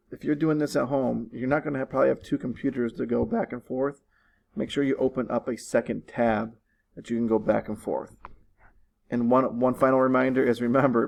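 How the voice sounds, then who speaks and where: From his living room, a man patiently walks his students through test questions in a recorded online lesson, repeating instructions as he goes. His mid-range voice is creaky with a darkish tone, and the audio quality is poor.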